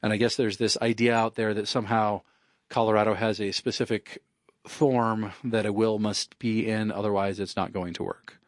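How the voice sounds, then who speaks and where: A man's voice: on the low side, flat delivery, normal speed, dry recording. Wry, chatty lawyer man, dry sound. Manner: wry and conversational, leans on "you know". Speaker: estate planning attorney. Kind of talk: casual spoken monologue.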